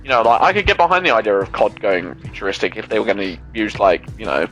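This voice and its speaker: A young man hosting a gaming channel, chatting casually over gameplay in animated, rambling rants full of swearing and filler words. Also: on the low side, fast, faint music behind.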